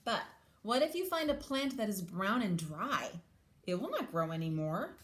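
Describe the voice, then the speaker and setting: In an echoey room, a woman with a mid-pitched voice reads a children's picture book aloud like an English teacher, moving between the text and her own simple explanations and often asking the young listeners questions. Her pitch swings widely, her pace is normal, and her tone is fairly bright.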